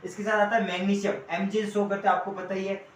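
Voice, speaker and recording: A man with a high-pitched, fairly flat voice teaches an online coaching class at a quick pace, chatting away, calling students pet names and quizzing them as he goes. The room is echoey, with faint ambient noise.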